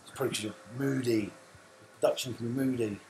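A man's voice: medium pitch, quick pace, darkish tone, reverberant, soft background music, low-quality recording. A man with a South London accent hosting a casual live Q&A, chatting and reading out viewer comments. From England. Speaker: host.

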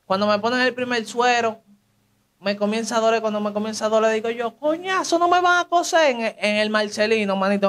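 A man's voice: high-pitched, fairly bright tone. A young man with a Dominican accent telling his life story in casual street slang, acting out the voices of the people he quotes. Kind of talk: casual testimony.

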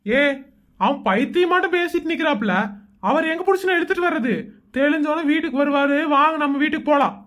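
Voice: high-pitched, a bit bright. A performer voicing a young husband in a Tamil cartoon, grumbling and sarcastic about his in-laws. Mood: exasperated. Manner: grumbling, sarcastic, quick complaints.

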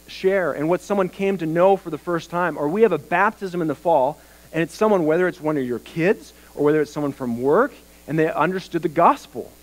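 Male pastor, slightly high voice, earnest conversational sermon that swells and hushes. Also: low-quality recording. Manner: earnest, conversational preaching with quick asides; lively, voice rising when exhorting and dropping soft in prayer.

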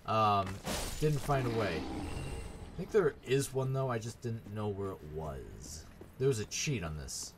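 A man's voice: on the low side, big pitch swings, a little slow, noisy background. A man giving sarcastic, frustrated let's play commentary while playing a game, swearing often. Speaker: gaming YouTuber.

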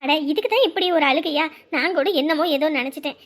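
A steady, comforting young wife, played by a woman in a serial drama. Her very high voice reassures with a firm edge. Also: fast, close to an everyday voice. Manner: reassuring, scolding at times. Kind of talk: TV serial acting.

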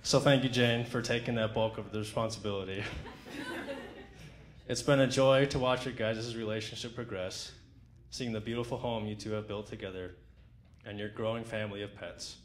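A man's voice: on the low side, steady tone, moderate pace, noisy background. A young man at a wedding reception, reading a prepared best man's toast into a handheld mic in a fond, teasing way. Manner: fond, teasing, with light jokes. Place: wedding reception in a large dining room.

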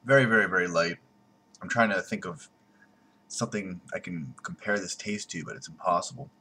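A man with a low voice gives a brisk, blunt, sarcastic beer review to his desk webcam in a small room at home. His volume is jumpy, and a little background noise can be heard.

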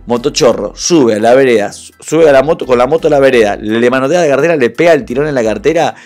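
A man's voice: medium pitch, fast, darkish tone, soft background music. A young Argentine man with a Rioplatense accent, hosting a reaction video and telling personal stories in a slangy, impassioned, emphatic way. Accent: Rioplatense Spanish. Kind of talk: reaction commentary and personal storytelling.

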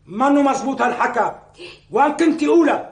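An actor playing a jealous, short-tempered husband with a Lebanese accent, bickering and demanding. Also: male voice, very high voice, animated, quick pace, gravelly, echoey room, heavily acted. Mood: irritable. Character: quick-tempered jealous husband, middle-aged man. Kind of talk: sitcom acting.

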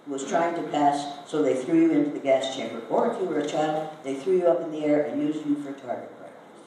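A woman's voice: deep voice, fairly quick. Older woman telling a story in a very echoey hall. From Iowa, United States. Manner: animated storyteller, asks the audience questions. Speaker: speaker giving a talk. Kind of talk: storytelling talk to a live audience. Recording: very echoey hall, voice from a distance, faint noise.

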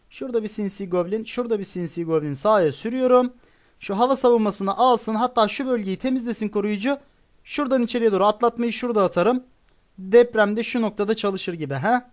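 A man talks his way through a strategy game attack, planning each move out loud. His voice sits high, and his chatty commentary often turns into exasperated grumbling. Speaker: gaming YouTuber.

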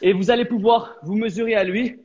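A man's voice: sits high, a little fast, slightly rough. A man coaching a live workout session, explaining exercises with energy, from an empty gym. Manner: energetic, counts down reps. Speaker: fitness coach. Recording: echoey, dull hall sound.

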